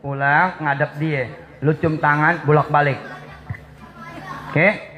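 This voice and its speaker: A man's voice: on the high side, fairly even intonation, slow pace, dull audio, soft background music. A man preaching a sermon, teasing the crowd playfully and acting out little dialogues. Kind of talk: Islamic sermon.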